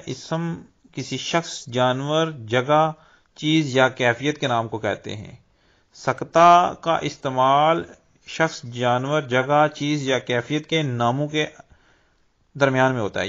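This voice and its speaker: A man giving a slow, deliberate grammar lesson, explaining terms and repeating examples. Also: on the high side, fairly bright tone. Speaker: Urdu teacher. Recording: dull lo-fi recording.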